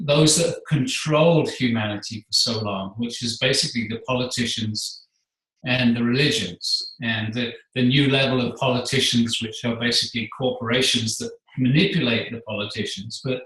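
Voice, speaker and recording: A man's voice: medium pitch, fairly bright tone. Earnest man in an echoey room. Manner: measured, earnest, explains at length. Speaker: guest, spiritual teacher. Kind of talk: calm explanatory conversation. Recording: echoey room, distant mic.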